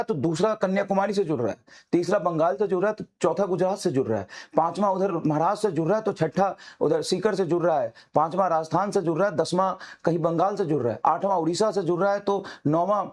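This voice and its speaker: A man's voice: high-pitched, quick pace, a little mellow. A middle-aged male coaching teacher giving a fiery, repetitive motivational speech to students. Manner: fiery, exhorting, repetitive urging.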